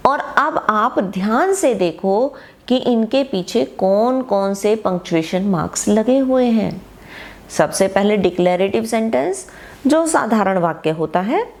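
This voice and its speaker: In an online grammar lesson, a female teacher with a medium-pitched voice explains things slowly. She reads her example sentences aloud, stressing them.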